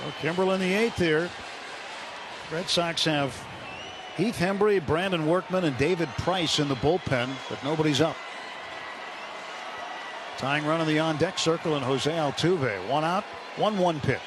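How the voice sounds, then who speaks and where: This announcer speaks in a fairly high voice, a little slow, pausing often as he delivers clipped present-tense baseball calls for live radio from the stadium booth. Crowd noise and loud ballpark ambience fill the noisy broadcast.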